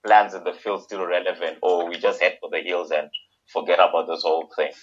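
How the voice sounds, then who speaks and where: A man hosts a podcast in a conversational style. His voice is fairly low and quite husky. It comes through slightly dull, lo-fi call audio. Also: little pitch movement, fairly quick. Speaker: podcast host.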